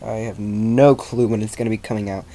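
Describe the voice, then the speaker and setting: A man reading his own fan fiction aloud in a halting, stumbling, casual way. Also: lowish voice, steady tone, warm tone. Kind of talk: amateur story reading.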